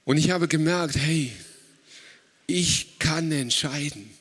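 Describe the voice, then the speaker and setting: A man preaching a sermon at a church service, slow and emphatic, setting out words one by one. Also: on the high side, fairly bright tone, long reverb tail.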